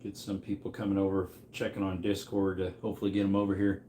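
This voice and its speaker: A man's voice: sits low, monotone, fast talker, dark tone, roomy sound, a little hiss or hum. A man in his mid-thirties hosting a trivia livestream, rambling casually and reacting to chat as he goes. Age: 30s. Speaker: livestream host running trivia.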